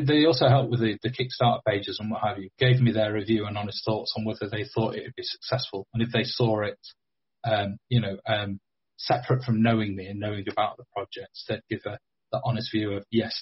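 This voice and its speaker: Husky-voiced man, hesitant. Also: lowish voice, steady tone, a little fast. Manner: hesitant, many ums and restarts. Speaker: game creator, podcast guest. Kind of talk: casual interview chat. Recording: dull lo-fi remote audio.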